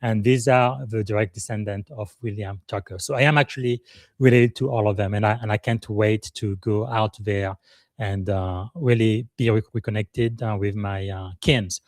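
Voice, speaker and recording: A man's voice: lowish voice, steady tone, moderate pace, a little mellow, dry recording, clean studio sound. A middle-aged man from Congo, hosting a live podcast in an earnest, emotional way, with many hesitant "uh" fillers. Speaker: podcast host.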